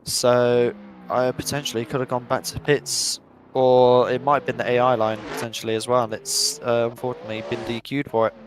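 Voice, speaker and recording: A man's voice: mid-range voice, flat delivery, brisk, a little hiss or hum. A young man giving chatty, upbeat play-by-play commentary on a virtual drift event and reading out live chat.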